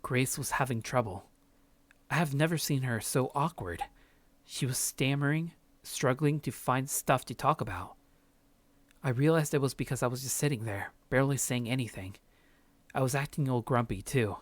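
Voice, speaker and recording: Game music sits in the background as a man reads out visual novel narration for a let's play, keeping it casual but now and then stumbling on the words. He speaks in a mid-range voice at a moderate pace, without echo.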